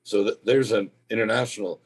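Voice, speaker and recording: A man's voice: on the low side, steady tone, brisk, slightly rough. A man, a law professor speaking on a panel over a video call, who cuts himself off mid word and starts again.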